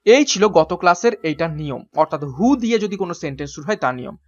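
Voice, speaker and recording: Very fast and expressive, a medium-pitched English teacher leads an exam-prep grammar lesson, explaining every step and answering their own questions. They spell words letter by letter, and the audio lacks highs.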